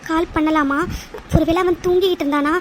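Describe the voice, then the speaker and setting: Cartoon lead: woman voicing a gentle young orphan girl, very high pitch, soft and pleading. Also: steady tone, fast, slight background noise. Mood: wistful. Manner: soft, pleading, hesitant self-talk.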